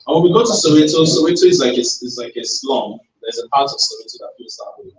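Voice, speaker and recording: A man speaks at a tech event with an emphatic, rallying delivery, pulling listeners in with call-and-response questions. His voice sits a touch high and reaches the mic from a distance. It rings around a roomy hall, with faint ambient noise beneath it. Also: very animated, quick pace. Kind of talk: motivational talk.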